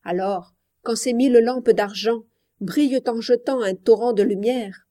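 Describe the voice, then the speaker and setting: Female audiobook narrator; mellow, measured, solemn literary reading. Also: on the high side. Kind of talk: scripted narration.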